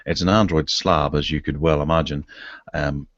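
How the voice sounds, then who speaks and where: A man hosting a casual tech podcast over an online video call, chatty and relaxed as he leads the segments. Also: very deep voice, normal speed, lo-fi sound, noisy background. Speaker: podcast host.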